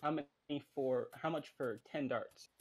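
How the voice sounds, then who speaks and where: A man's voice: mid-range voice, normal speed, breathy edge. A man chatting casually as a player in a tabletop game, tentative and polite. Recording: faint background noise, clicks.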